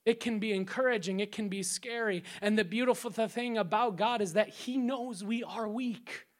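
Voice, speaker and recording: A man preaching a sermon. He acts out scripture scenes and sometimes drops to a hushed, prayerful tone. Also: high voice, moderate pace. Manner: acts out scripture scenes and crowd voices with playful sound effects.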